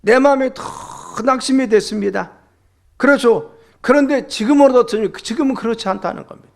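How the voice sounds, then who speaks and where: A man's voice: very high voice, brisk, vocal fry. A middle-aged male pastor preaching a sermon in a church sanctuary, earnestly posing question after question to his congregation.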